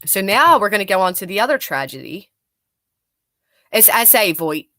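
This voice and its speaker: A woman's voice: medium pitch, big pitch swings, moderate pace, bright, forceful tone, no echo, clean studio sound. A blunt, sarcastic woman hosting a live stream, mocking clips, chatting with viewers and swearing freely. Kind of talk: live commentary reacting to clips and reading chat.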